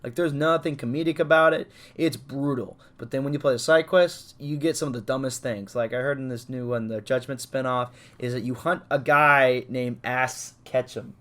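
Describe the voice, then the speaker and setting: A man's voice: medium pitch, fairly even intonation, moderate pace, few pauses, fairly bright tone. A young man co-hosting a podcast in casual chat, rambling and laughing, hiccuping at times. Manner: rambling, laughing, trails off into asides. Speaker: podcast co-host.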